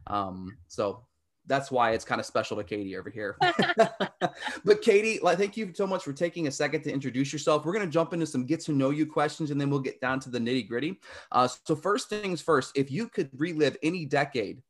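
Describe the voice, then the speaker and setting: A man's voice: fairly high pitch, lively intonation, fairly quick. Upbeat joking male podcast host. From Virginia, US. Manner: jokey, upbeat, laughs often. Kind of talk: casual podcast interview.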